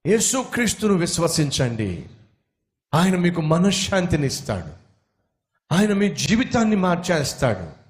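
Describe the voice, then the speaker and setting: A man's voice: high-pitched, sing-song, measured pace, long pauses, voice pushed up. A man voicing a fervent man handing out gospel tracts on the street. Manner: fervent, repetitive proclaiming.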